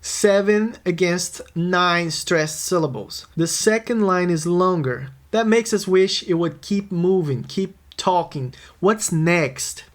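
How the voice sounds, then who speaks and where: A man's voice: high voice, slow, hardly any pauses. A man, a music producer, narrating a scripted songwriting tutorial and answering his own questions. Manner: explanatory, posing and answering questions.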